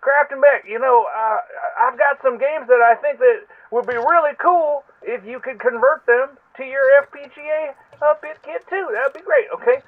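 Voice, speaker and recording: A man's voice: very high-pitched, normal speed, few pauses. A man leaving a rambling, joking voicemail, heard over a landline phone with lots of fillers and hesitations. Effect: heard over a landline phone line. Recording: tinny phone line.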